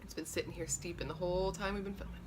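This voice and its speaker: Low-voiced woman in her twenties, candid chat. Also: steady tone, fast, noisy background. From Los Angeles, USA. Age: 20s. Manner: rambling, candid, swears freely. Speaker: beauty vlogger. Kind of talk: casual chat while doing makeup. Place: bedroom, indoors. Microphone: camera in front at close range.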